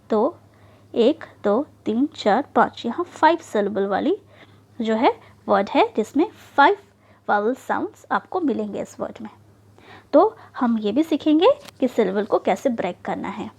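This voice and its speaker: Woman, high pitch, pronunciation teacher, online lesson, checks in often, slow on example words. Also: darkish tone, slightly rough. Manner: mixes Hindi with English terms, checks in with "okay" and "right"; stretches out example words slowly. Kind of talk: online lesson explaining slides.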